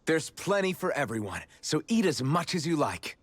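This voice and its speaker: An actor playing an earnest young male freedom fighter and former slave in a game, speaking frankly with a husky voice. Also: fairly high pitch, big pitch swings, moderate pace, no echo. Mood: proud. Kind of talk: game character dialogue.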